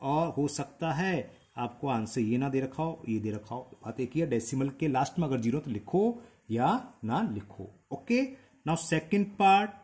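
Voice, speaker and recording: A man's voice: mid-range voice, lively intonation, unhurried, a little mellow. A man working through textbook maths exercises aloud as a teacher, counting decimal places and checking in with his students.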